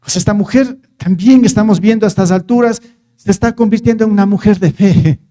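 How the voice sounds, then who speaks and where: Male preacher, high voice, soft mellow tone, chatty sermon delivery with rhetorical questions. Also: brisk. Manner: conversational, asks the listeners rhetorical questions; reads scripture aloud and retells it.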